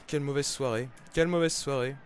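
A young man giving live commentary over his football video game, with excitable, frustrated outbursts about his bad luck. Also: medium pitch, fast, slight background noise. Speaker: gaming YouTuber. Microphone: desk microphone.

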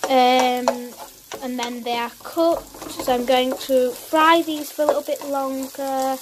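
A woman's voice: high voice, level tone, takes it slowly, noisy background. A teenage girl with a Northern English accent chatting through a cook-along vlog in her home kitchen, rambling and correcting herself as she goes. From England. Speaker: vlogger. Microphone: phone camera held close.

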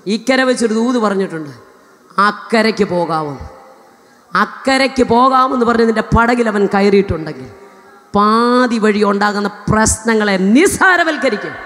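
Woman preacher, fervent sermon delivery, exclamations of praise, long reverb of a hall. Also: a little high. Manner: fervent, punctuates with praise exclamations, rises to shouting.

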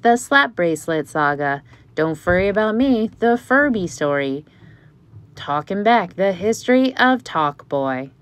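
Chatty woman reading posts aloud. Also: mid-range voice. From Pittsburgh area, USA. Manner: chatty, animated asides between readings. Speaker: Beanie Baby collector and video host.

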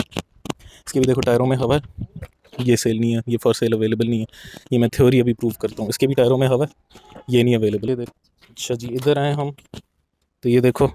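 A man's voice: medium pitch, mellow, slight background noise. A young man walking through an outdoor car lot, chatting as he explains things to the camera, with English phrases mixed in. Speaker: vlogger. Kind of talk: casual walk-through commentary.

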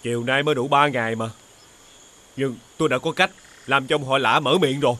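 An actor playing a young husband's ghost, with a Southern Vietnamese accent and an urgent, exasperated manner. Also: male voice, mid-range voice, steady tone, a little fast, sharp tone, a little hiss or hum, close to an everyday voice. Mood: respectful. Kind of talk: TV fairy-tale drama acting.

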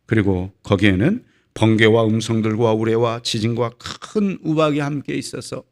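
Male pastor, dawn sermon, animated storytelling, lively rising and falling voice. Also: fairly low pitch. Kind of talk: sermon at dawn prayer service.

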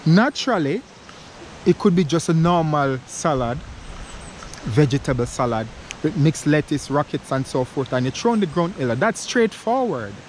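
A man in his thirties films a casual foraging vlog in a wooded glen, holding an action camera at arm's length. His slightly high voice swings widely in pitch at a moderate pace as he muses aloud chattily and laughs at his own ideas. The outdoor camera audio picks up wind, rustling leaves, and ambient outdoor noise.

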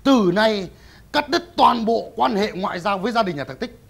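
A man's voice: high voice, expressive, moderate pace, gravelly, full character voice. An actor playing an aggrieved, hot-headed man who feels cheated, talking indignantly. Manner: indignant, demanding. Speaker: comic actor. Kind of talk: comedy sketch acting.

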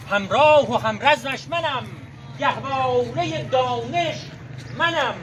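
High, forceful man declaiming epic verse. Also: a little hiss or hum, poor audio. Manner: declamatory, dramatic, proud, with forceful swells and drawn-out words. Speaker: storytelling performer reciting epic verse. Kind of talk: theatrical Persian naqqali epic recitation in rhymed verse.

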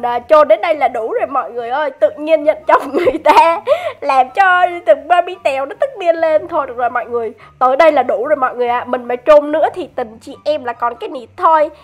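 Very high-pitched excited woman gamer. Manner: excited, teasing, chatty, laughs often; addresses viewers directly. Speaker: gaming YouTuber. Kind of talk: game commentary.

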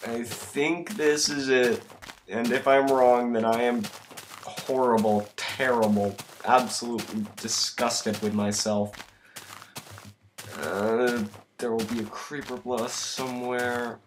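A tired, sick-sounding teenage boy from the United States drawls through a rambling let's play commentary, mocking himself and breaking into loud outbursts. His voice sits at an ordinary middle pitch, and clear hiss runs under the noisy home recording. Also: level tone, slow pace, pauses often. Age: teens.

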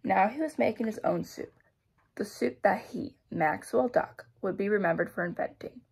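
Female storybook reader, expressive, gravelly texture. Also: mid-range voice, normal speed. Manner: expressive, with sound-effect words. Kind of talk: children's read-aloud narration.

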